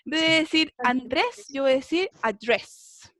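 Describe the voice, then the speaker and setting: A woman's voice: sits high, animated, normal speed, a bit bright, no room sound, clean studio sound. A woman teaching a beginner English class over a video call, encouraging and often checking in with her students.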